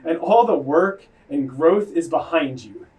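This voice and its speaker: A man voicing his gentle, wise dead male friend, speaking slowly and softly. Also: a little high, recorded from a distance, rough recording. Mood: gentle, calm. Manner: calm, slow, soft-spoken.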